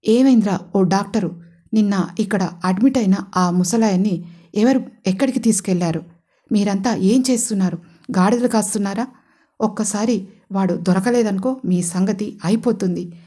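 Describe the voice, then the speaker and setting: A woman narrator voicing an angry, hot-tempered young man who shouts orders and threats in an audio story. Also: mid-range voice, normal speed, close to an everyday voice. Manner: shouting, abusive, commanding.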